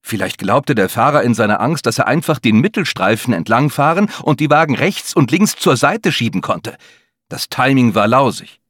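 A man's voice: medium pitch, expressive, normal speed, a bit bright, no room sound. Dramatic male audiobook narrator, dry. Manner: tense, dramatic storytelling. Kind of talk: scripted narration.

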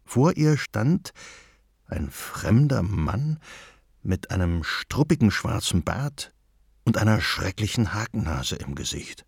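A man narrating a children's storybook in a slow, deliberate storytelling manner. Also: low-pitched, very animated, gravelly, husky, dry recording, clean studio sound.

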